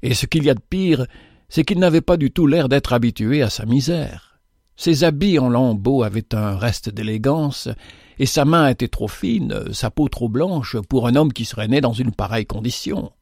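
A man's voice: medium pitch, lively intonation, moderate pace, vocal fry, darkish tone, dry recording, studio quality. A man doing a humble ragged beggar. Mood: earnest. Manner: humble, earnest storytelling. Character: humble ragged male beggar, meek and compassionate.

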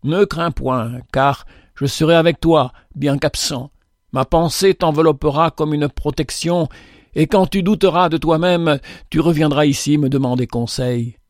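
A man's voice: a little high, measured pace, no room sound, clean studio sound, close to an everyday voice. A man voicing a just and generous male benefactor who exclaims in a raised, fervent voice. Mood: joyful, fervent.

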